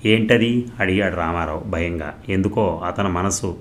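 A man reading a short story aloud in a steady, even narrating voice. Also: sits low, brisk, a little hiss or hum.

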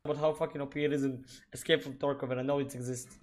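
A man streaming an online shooter game, excitedly talking to teammates and cursing at his mistakes. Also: mid-range voice, fast. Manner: excitable, swearing, shouting at teammates. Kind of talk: live gaming commentary.

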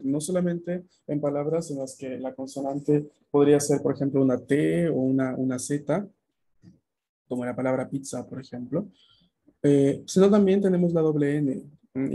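A man's voice: a little high, dark tone. A man teaching an online language class, explaining patiently and checking in with frequent tag questions.

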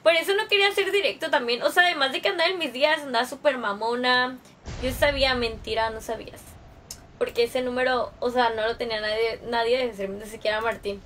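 A young woman with a Mexican Spanish accent, talking to her viewers as she plays a game. Her voice sits high and she chats loosely and profanely, greeting people by name. A faint hiss runs under her voice. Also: fairly quick, fairly bright tone. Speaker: gaming streamer. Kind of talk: casual livestream chat while playing.

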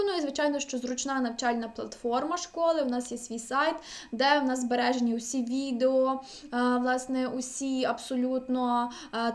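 Woman teacher, pretty high voice, upbeat online lesson, keeps asking "right?". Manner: energetic, checks in with "так?" often. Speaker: language teacher. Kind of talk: online exam-prep lecture.

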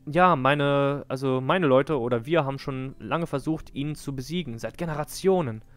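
A man voicing a calm young female teacher, reading the game dialogue in a raised voice with small slips. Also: medium pitch, moderate pace, soft background music, natural voice. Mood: earnest. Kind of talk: live-read game dialogue.

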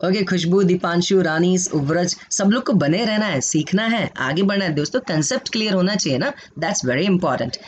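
A man's voice: high voice, lively intonation, moderate pace, few pauses. An Indian man with an Indian accent who teaches English in an online class, mixing Hindi and English and quizzing his students. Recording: dull lo-fi sound with faint noise.

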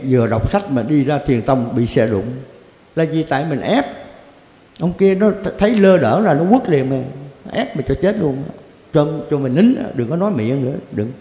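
A man's voice: mid-range voice, warm tone. An older man, a Zen teacher answering questions in a blunt, colloquial way with chuckling asides. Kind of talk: answering questions in a Dharma talk. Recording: echoey hall with long reverb.

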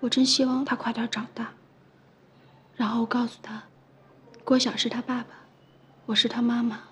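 An actress playing an anxious young mother in a TV drama, speaking softly. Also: fairly high pitch, little pitch movement, normal speed, slight background noise, natural voice. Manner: soft, anxious, soothing. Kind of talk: TV drama acting.

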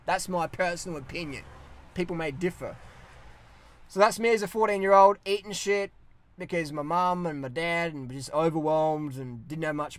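A young Australian vlogger with a fairly high voice rants in his parked car, addressing a dashboard-mounted camera with no echo in the sound. He talks bluntly, swears heavily and uses lively hand gestures.

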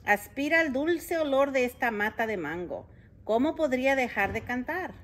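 Woman doing a stubborn little rooster, high and chirpy, cheerful, earnest, storybook. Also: animated, moderate pace, fairly bright tone. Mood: defiant cheerful.

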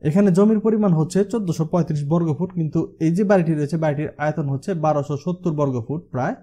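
A man's voice: a little high, rapid-fire, mellow. A man from Bangladesh, a house designer, walking viewers through a house plan, with a verbal filler he uses again and again. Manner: walkthrough explanation with the filler হচ্ছে used often. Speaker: house designer presenting his channel. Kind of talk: explaining a house design over a 3D model.

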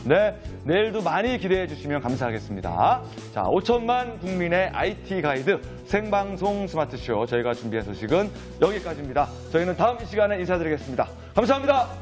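A man hosts a live studio TV show in a high voice for a male. His intonation is very lively and varied, and music plays clearly behind him. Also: fairly quick, few pauses. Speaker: show host. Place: large TV studio. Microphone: lapel mic. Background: background music.

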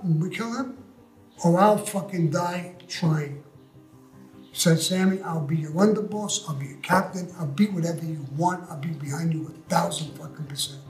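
With a fairly high, slightly mellow voice, an older man gives a blunt and profane account of his life as an interview guest. He talks tough, and the room echoes with faint music playing.

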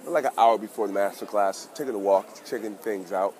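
A man hosting a casual street vlog outdoors, talking excitedly and in slang straight to his viewers. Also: fairly low pitch, brisk. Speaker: vlog host. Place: outdoors on busy town streets. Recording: busy street crowd and noise.

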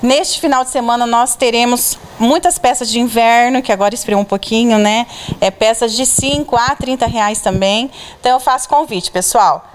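A woman's voice: a little high, moderate pace, slight background noise. A woman in her thirties with a Brazilian Portuguese accent, a charity volunteer interviewed at an indoor bazaar on a handheld mic, plainly listing details. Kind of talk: on-camera interview. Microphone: reporter's handheld mic.

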